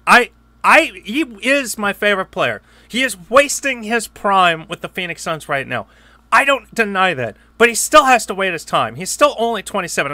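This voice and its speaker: Heated, bright-voiced man ranting about sports. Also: high voice, no room sound. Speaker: podcast host. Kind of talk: opinionated sports talk.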